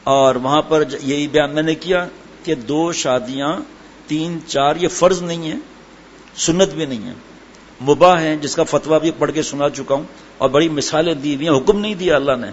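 A man preaching a sermon and telling humorous anecdotes in a chatty way, full of asides. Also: on the high side. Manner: conversational storytelling, chatty asides. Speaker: religious preacher. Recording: dull lo-fi with faint background noise.

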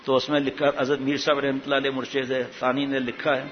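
A man's voice: medium pitch, level tone, a little hiss or hum. A man preaching a sermon with passion, asking the listeners many rhetorical questions. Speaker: religious preacher. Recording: echoey hall, dull lo-fi sound.

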